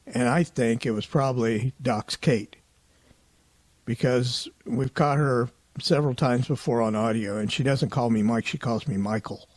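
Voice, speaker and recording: A man hosting a paranormal investigation show, giving a casual voice-over recap in a relaxed, conversational way and often hedging his opinions. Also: medium pitch, unhurried, no room sound.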